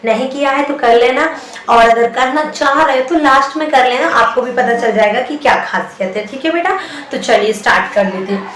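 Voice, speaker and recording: A woman teaching a spoken English lesson, addressing viewers affectionately as children and repeating each phrase very slowly. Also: sits high, fairly bright tone. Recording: echoey room, heard from a distance.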